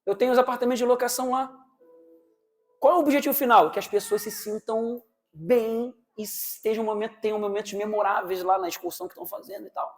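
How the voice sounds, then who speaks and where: A Brazilian man preaching a sermon, animated, firing rhetorical questions at the congregation and acting out parents and children in quick asides. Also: sits high.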